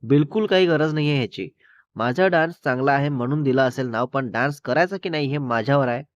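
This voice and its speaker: A man's voice: mid-range voice, quick pace, dry recording, close to an everyday voice. A man putting on a firm, caring young woman. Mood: scolding. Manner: scolding, pleading. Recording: dull, dry recording.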